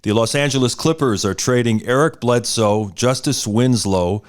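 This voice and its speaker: A man's voice: medium pitch, normal speed. A man hosting a podcast, reading out news items and then putting a question to his guest. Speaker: podcast host. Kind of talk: podcast interview.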